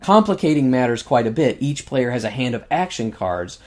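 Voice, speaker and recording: A man's voice: medium pitch, expressive, brisk. A man co-hosting a casual podcast, running through game details with lots of fillers and frequent laughs, saying he is losing his voice. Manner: enthusiastic, laughs often, lists game facts with fillers. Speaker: podcast co-host reviewing board games. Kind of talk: casual chat.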